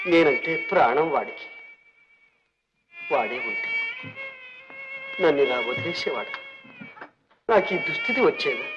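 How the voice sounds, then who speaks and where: A man's voice: a little high, heavily acted. An actor playing a destitute, broken old man who was once rich, speaking in a tearful, pleading, grieving way in an old film scene. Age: older. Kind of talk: 1950s Telugu film acting. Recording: dull old film soundtrack, faint music.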